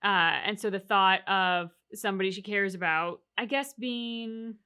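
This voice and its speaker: A woman chats casually about a video game's story as a reaction co-host, reflecting on and explaining her views at length with examples. She speaks a little slowly in a smooth, bright, forceful voice of medium pitch.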